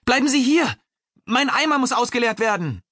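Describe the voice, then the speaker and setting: A man's voice: extremely high pitch, expressive, moderate pace, bright, forceful tone, dry recording, clean studio sound, pitched above the performer's own voice, heavily acted. A man voicing a desperate teenage boy calling out urgently from a cell.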